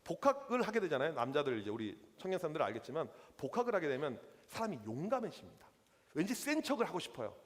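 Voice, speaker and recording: A man's voice: on the high side, quick pace. A young man preaching a youth sermon as pastor, telling stories and acting out the lines of people in them. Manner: lively storytelling with acted-out quotes. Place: church hall. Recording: reverberant church hall.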